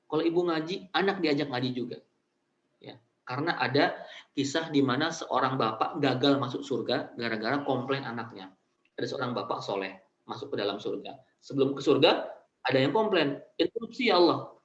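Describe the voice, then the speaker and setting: A man's voice: medium pitch, normal speed. A male Islamic preacher, giving an online study sermon to mothers in a chatty, way, often adding "ya" and speaking straight to his listeners. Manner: chatty, colloquial, addresses listeners directly with frequent "ya". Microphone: video call. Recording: roomy, dull lo-fi video call audio.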